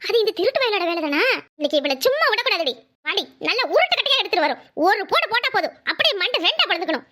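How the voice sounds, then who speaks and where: A woman's voice: very high-pitched, big pitch swings, racing, sharp tone, heavily acted. A woman voicing a gossipy, easily frightened village neighbour in a cartoon, who chatters and shrieks. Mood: fierce. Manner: chattering rural speech, shrieking when scared. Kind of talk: cartoon voice acting.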